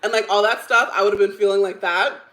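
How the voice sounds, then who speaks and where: A livestream host in her thirties chats casually, reacting to stories and chat comments with strong opinions, frequent laughs and plenty of "like" fillers. She talks fast in a steady, fairly bright, medium-pitched voice, and the low-quality recording sounds roomy.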